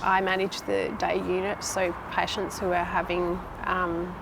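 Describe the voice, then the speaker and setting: A woman's voice: on the low side, flat delivery, unhurried, gravelly. A woman in her thirties with a Tasmanian Australian accent, answering interview questions in a casual, conversational way as a nurse manager. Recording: noticeable background noise.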